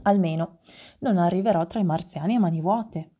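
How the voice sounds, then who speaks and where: A woman's voice: lowish voice, fairly quick, mellow, slightly rough. A woman voicing a young male bar errand boy in a read-aloud storybook, flustered and talking to himself.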